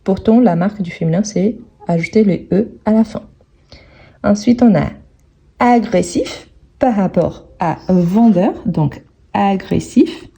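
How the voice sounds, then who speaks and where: A woman works through a grammar exercise as a French teacher, saying each word slowly and more than once. Her voice is husky and breathy, with a very dark, mellow tone. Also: mid-range voice. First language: Portuguese. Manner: slow, careful, repeats each word several times.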